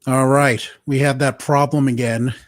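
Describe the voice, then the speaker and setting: A man's voice: mid-range voice, level tone, normal speed. A man hosting a live review show, chatty and joking, laughing now and then. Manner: chatty, laughs often, jokes. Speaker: podcast host. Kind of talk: casual livestream chat.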